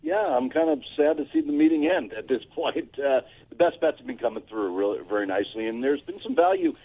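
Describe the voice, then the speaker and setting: A man who handicaps horse races, chatting as a radio guest. His pitch moves around a lot as he talks, and he speaks in an easygoing way with casual fillers. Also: sing-song, brisk, warm tone, rough recording.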